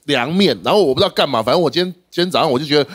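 A middle-aged man, telling an animated story as a guest on a TV studio panel. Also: on the high side. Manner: rapid, repetitive retelling of an argument. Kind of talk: animated storytelling on a talk show.

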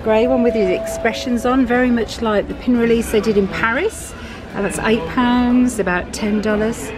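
A middle-aged British woman vlogging from a big store, chatting excitedly about items and their prices. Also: a little high, moderate pace. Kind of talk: shopping vlog walkthrough. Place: large busy store indoors. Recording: store music and crowd noise behind.

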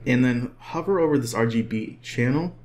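A man's voice: mid-range voice, normal speed. A man giving a casual photo editing tutorial, chatting and joking to himself as he works through the steps. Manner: relaxed, chatty, jokes to himself while working. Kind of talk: casual screen-recorded tutorial.

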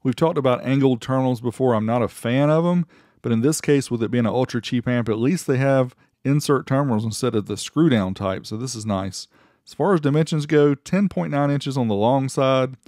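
This car audio amplifier review channel host, a middle-aged American man, narrates a casual product review with playful, showy emphasis. His medium-pitched voice is a little mellow with lively intonation and a moderate pace, recorded in studio quality without echo over faint background music.

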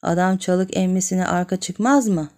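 A woman's voice: on the low side, normal speed, a little mellow, natural voice. A woman voicing a sly, lecherous middle-aged village man who coaxes and then threatens. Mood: coaxing.

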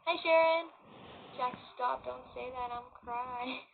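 A young woman in her late teens gushing excitedly as a cosplayer in casual fan chat. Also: high voice, slow pace, vocal fry. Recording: tinny phone-like audio, faint hiss.

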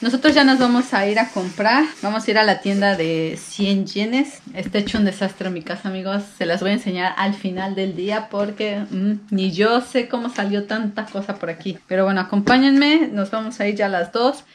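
A young woman with a Mexican accent chats away in a relaxed home vlog, her pitch sitting in an ordinary middle range. She talks to the viewers like close friends while she goes about her day indoors. A faint hiss of noise sits under her voice. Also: normal speed, few pauses. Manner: chatty, keeps calling viewers "friends". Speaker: vlogger and mother. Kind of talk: casual vlog narration.

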